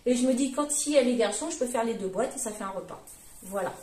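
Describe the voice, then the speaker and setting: Her pace is quick and her tone dark, with a voice pitched a little high. She's a forties-aged mother vlogging a relaxed grocery haul, wandering through it with lots of fillers and self-corrections, in an echoey room.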